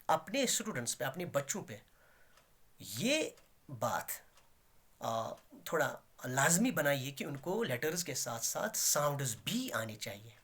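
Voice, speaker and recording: Animated Kashmiri man teaching English sounds. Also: fairly high pitch, slightly rough. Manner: explains slowly, repeats key words, rises emphatically on examples. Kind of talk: classroom-style lesson.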